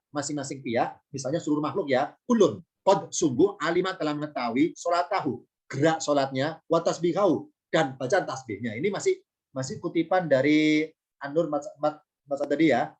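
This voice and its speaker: A male teacher in an online class, moving through a point step by step. He poses questions and answers them himself, and repeats key terms so they stick. He adds small apologies before his examples. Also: fairly high pitch. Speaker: Islamic studies teacher. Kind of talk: online lesson on Arabic grammar and Quran meaning.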